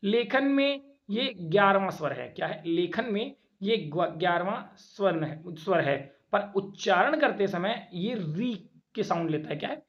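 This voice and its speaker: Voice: medium pitch, lively intonation, dull audio. A teacher giving an exam-prep lecture, who keeps asking rhetorical questions, answers them, and stretches out vowel sounds to demonstrate them. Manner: drawn-out, repeated vowel demonstrations.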